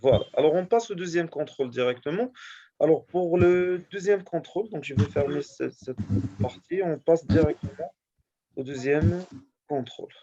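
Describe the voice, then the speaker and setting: A male teacher going over a test in class, speaking haltingly and often checking that his students follow. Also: fairly high pitch, mellow, highs cut off, a little hiss or hum. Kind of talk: classroom lesson correcting a test.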